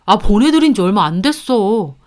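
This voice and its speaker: A woman's voice: mid-range voice, very animated, normal speed, close to an everyday voice. A woman voicing a defensive, angry young husband who snaps back. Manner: snapping, defensive. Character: angry selfish husband, young adult man.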